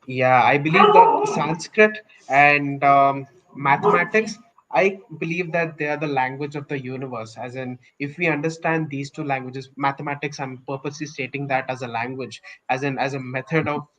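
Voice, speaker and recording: A young Indian man with an Indian English accent earnestly lays out his opinions on a casual podcast, explaining them with examples. His mid-range voice is expressive, moderately paced and a bit bright. The audio has its highs cut off and a little hiss or hum.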